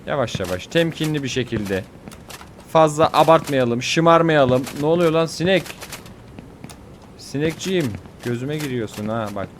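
A young man giving casual, excitable commentary on his own gameplay, fretting aloud and yelping at near falls. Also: medium pitch, slight background noise. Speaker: gaming YouTuber.

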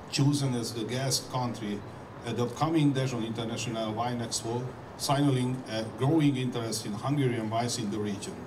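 A man, a visiting diplomat, reading a formal English speech into a handheld mic outdoors. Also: mid-range voice. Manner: slow and deliberate reading. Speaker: foreign diplomat giving a speech. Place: outdoors at a building entrance. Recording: distant mic with outdoor noise.

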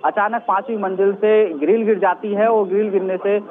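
A man's voice: sits high, flat delivery, a little fast. A male field reporter giving an earnest live news report from outdoors at a scene, repeating the key questions. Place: outdoors at a mall. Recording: tinny phone-line audio.

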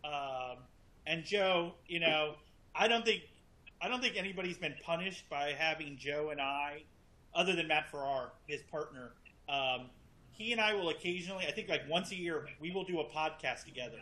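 Man moderating a video-call panel; bright voice, dry joking delivery. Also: fairly high pitch, moderate pace, poor audio. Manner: teasing, wry deadpan humor.

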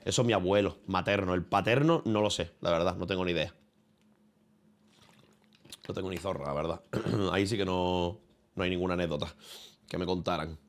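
A Spanish streamer talks off the cuff from his room in a low, fairly quick voice with frequent pauses and a Spanish accent. He rambles loosely, swears freely, and throws in street slang as he chats with his viewers and a friend.

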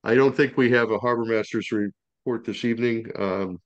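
A man chairing a public commission meeting over a video call, talking haltingly with many fillers and restarts. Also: medium pitch, fairly even intonation, highs cut off.

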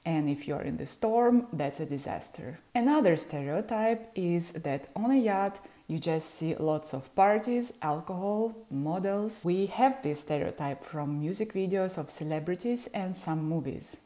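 A Ukrainian woman in her thirties, a yacht charter specialist, talks to camera with a Ukrainian accent in a small room at home. Her voice is fairly low and dark, animated but a little slow, with hardly any pauses, and her manner is friendly and explanatory. It's an informative vlog captured through an earphone mic with webcam framing.

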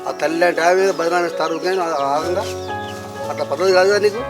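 A man doing a stern village elder with a Telangana Telugu accent. He talks fast and scolds as he questions. Loud music plays behind him. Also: a little high, steady tone, natural voice. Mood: scolding. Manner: scolding, interrogating. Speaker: village elder mediating a dispute. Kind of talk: village short film acting. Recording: mic far off, music behind.

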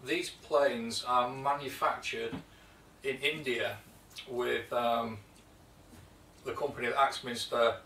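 A chatty British man in his thirties shows off his tools in a loose, rambling way. His voice is bright and forward. He is heard from a few feet away in an echoey workshop. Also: mid-range voice, fairly even intonation, slow, pauses often, a little hiss or hum. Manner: chatty, rambling with fillers and restarts. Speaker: woodworking video host. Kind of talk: casual show-and-tell vlog. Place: home workshop, indoors. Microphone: camera mic from a few feet away. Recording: echoey workshop, distant mic.

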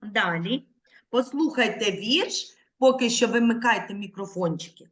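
Woman teacher on a video call with little kids, slightly high voice, slow and super clear, sounds words out syllable by syllable. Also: expressive. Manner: slow, clearly articulated, patient teacher's prompting. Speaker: primary school teacher. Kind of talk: online literacy lesson for young children.

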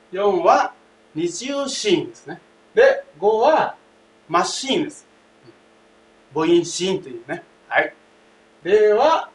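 A man teaching a language lesson, speaking emphatically, repeating key phrases and often addressing the class directly. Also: high-pitched. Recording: roomy, distant mic, faint hiss.

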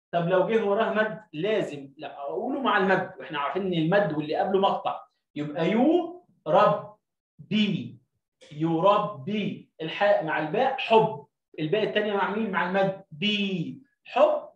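A man with an Egyptian accent teaching children to read, stretching syllables out slowly and then explaining in quick bursts. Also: high-pitched, reverberant, recorded from a distance, dull audio. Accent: Egyptian Arabic. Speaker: reading teacher. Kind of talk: children's reading lesson.

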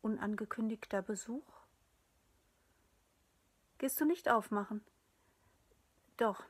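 Woman reading a story out loud, half whispering, breathy, a little high. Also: slow pace. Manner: quiet, hushed narration.

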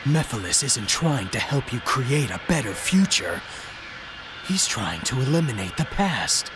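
A man's voice: medium pitch, very animated, measured pace, noisy background. A man voicing a stoic, brooding hedgehog antihero in a video game cutscene, terse, stern and commanding. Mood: grave, resolute.

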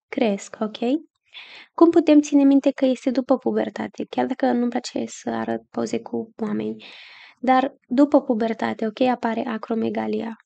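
Young female tutor, chatty review style, gravelly fry in a high, warm voice. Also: lo-fi sound. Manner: chatty, checks in with frequent "ok?". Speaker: teacher reviewing for an exam. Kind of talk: casual exam review lesson.

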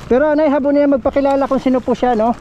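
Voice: sits high, fairly even intonation, fast, mellow, dull audio, slight background noise. A vlogger with a Bicolano accent, talking politely and earnestly outdoors on a rural roadside. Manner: polite, earnest, repeats himself. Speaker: motovlogger. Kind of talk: casual charity vlog chat.

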